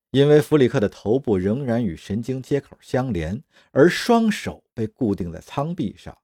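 A man narrating a science fiction audio drama in a dramatic, expressive reading. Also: fairly low pitch, breathy edge, no echo, clean studio sound.

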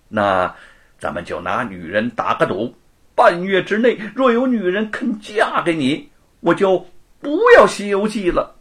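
A man voicing a gloating, sneering young rich lord who taunts and cackles in a high, shrill voice. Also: wildly swooping pitch, slow pace, fairly bright tone, slightly rough, exaggerated voice. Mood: scornful.

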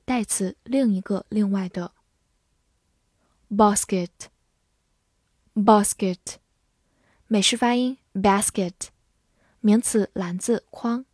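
A woman's voice: mid-range voice, mellow, dry recording, clean studio sound. A young woman teacher leading a vocabulary lesson, saying each English word twice before explaining it. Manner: reads words twice, slow and clear, then glosses.

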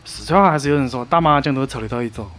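A man's voice: medium pitch, rapid-fire, loud music behind the voice. A man with a Sichuan accent chatting casually and explaining things in colloquial speech. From Chengdu, China. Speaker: guest who studied in Australia. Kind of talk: casual chat.

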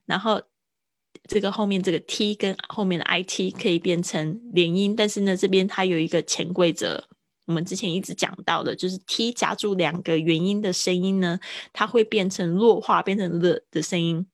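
A woman's voice: fairly low pitch, steady tone, dry recording. Woman drilling English phrases, dry close sound. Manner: explains slowly, repeats phrases to drill pronunciation. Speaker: English teacher. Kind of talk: livestream language lesson.

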